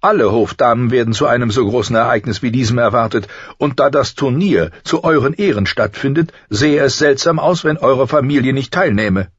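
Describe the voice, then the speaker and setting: A man's voice: mid-range voice, a little fast, hardly any pauses, husky, no echo, voice pushed up, natural voice. A man voicing a prim, strict older governess in an audiobook, speaking precisely and insistently. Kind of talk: audiobook character voice. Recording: slightly muffled dry recording.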